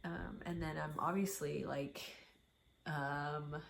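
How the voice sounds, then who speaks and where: Middle aged woman vlogging, kinda low voice, heartfelt and emotional, stop-start talking, some room noise behind her. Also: fairly even intonation, creaky. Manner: emotional, halting, candid about her feelings. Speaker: mother and family vlogger. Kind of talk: casual, heartfelt vlog chat.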